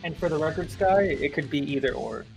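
A man giving excitable, joking color commentary during a live fighting game stream. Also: on the high side, a little fast, creaky, faint music behind.

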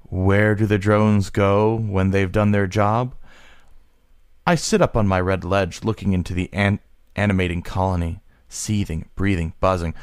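A man with a low, fairly deep voice reads a short story aloud, slow and deliberate, now and then tripping over a word and correcting himself. The sound is close and dry, with no room echo. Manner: slow, measured reading with occasional stumbles. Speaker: podcast co-host reading a story aloud.

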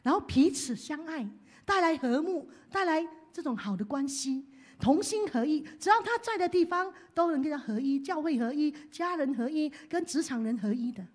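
Woman pastor, high voice, sermon that swings from hushed to loud. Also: animated, moderate pace. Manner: leads the congregation in call-and-response, swings from hushed to loud.

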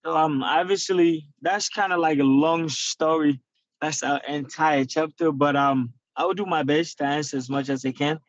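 Sitting in a parked car, a twenty-something man from Nigeria, a guest fighter, answers interview questions over a phone-camera video call in a casual, earnest, reflective way with many fillers. His voice is fairly high and steady at a normal speed, with no echo, though the call audio is dull and lo-fi.

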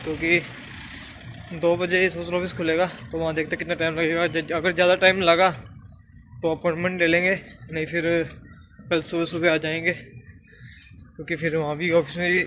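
A man's voice: on the high side, flat delivery, moderate pace, pauses often, pushed and bright, a little hiss or hum. Young man vlogging from a handheld phone. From Haryana, India. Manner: chatty running commentary to camera. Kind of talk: casual daily vlog. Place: kitchen, then outdoors on streets. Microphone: phone at arm's length.

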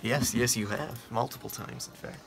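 A man's voice: mid-range voice, normal speed, vocal fry. A young man bantering dryly and mock-indignantly with friends. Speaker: friend in vlog. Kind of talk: casual chat. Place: cluttered home basement.

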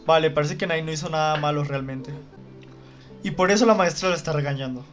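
A man reads through a visual novel and reacts with animated, slang-filled jokes. His voice sits slightly high for a man. Soft game music plays faintly underneath. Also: a little fast. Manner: animated, jokey asides in slang. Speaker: gaming youtuber.

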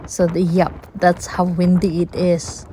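A woman in her thirties with a Filipino accent narrates her travel vlog at an unhurried pace. She talks in a chatty, plain way with small slips in her English. Car and wind noise sit clearly behind her phone-recorded voice. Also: fairly low pitch, completely flat delivery. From Philippines. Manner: chatty, simple phrasing with small grammar slips. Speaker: vlogger. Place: outdoors, in a car and on a windy beach.

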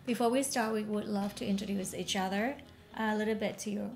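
Vietnam-born woman, earnest and halting. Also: mid-range voice, fairly even intonation, creaky, faint music behind. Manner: warm, earnest, slightly halting phrasing. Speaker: podcast co-host. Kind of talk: casual chat.

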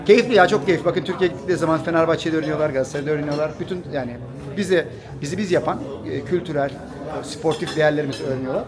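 A man's voice: fairly high pitch, rapid-fire. A man hosting a casual vlog, chatting and asking coaxing questions, often repeating his phrases. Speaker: vlog host. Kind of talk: casual vlog chat and interviewing. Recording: crowd chatter behind.

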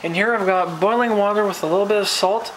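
A New Brunswick home cook talks fast in a high voice against background noise, making a casual cooking vlog in his kitchen with a handheld camera. His delivery is relaxed and wandering, sprinkled with fillers and restarts.

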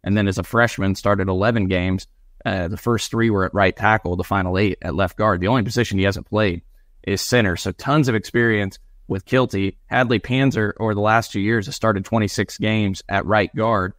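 A man's voice: lowish voice, moderate pace, no room sound, studio quality. A man co-hosting a sports podcast, listing football stats in casual analysis. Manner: reels off stats in a steady run.

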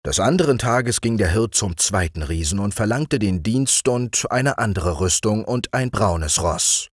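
Slow expressive male fairy-tale reader. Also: lowish voice, husky, dry recording, clean studio sound. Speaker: audiobook reader. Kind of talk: bedtime fairy-tale narration.

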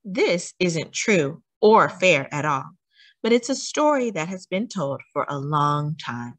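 With a low-pitched, very animated voice, a woman reads a picture book to children during story time. She leans on words in a teacherly, deliberate way and asks her young listeners questions.

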